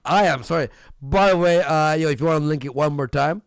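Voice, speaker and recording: A man's voice: on the high side, a little fast, creaky, smooth, dry recording, studio quality. A man hosting a live stream, laughing often and reading out viewer donations in crude banter.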